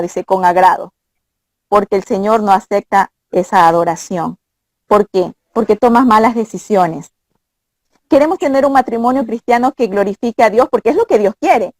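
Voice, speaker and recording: A woman of middle pitch talks earnestly through Bible passages, as if teaching a friend across the table. The sound is dry and close, with no room around it. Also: a little mellow, no echo. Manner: earnest, quotes scripture, mimics voices.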